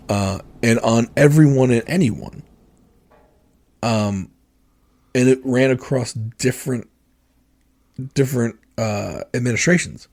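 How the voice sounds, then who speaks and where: A man's voice: mid-range voice, vocal fry, a little mellow, breathy edge. A man in his forties co-hosting a podcast, talking bluntly and ramblingly with plenty of swearing. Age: 40s. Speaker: podcast co-host. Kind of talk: casual podcast chat.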